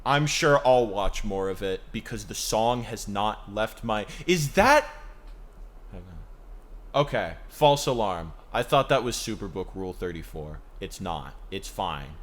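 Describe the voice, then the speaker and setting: A man's voice: on the low side, lively intonation, unhurried. A man co-hosting a casual podcast, rambling and swearing as he retells a show and acts out its lines. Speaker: podcast co-host. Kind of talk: casual chat.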